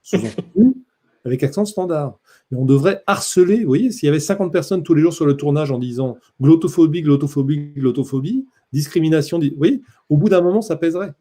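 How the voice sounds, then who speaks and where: Guy journalist giving a talk, real husky voice, gets fired up and emphatic. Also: fairly high pitch, animated, fast talker, mellow. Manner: impassioned, emphatic. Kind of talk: conference talk.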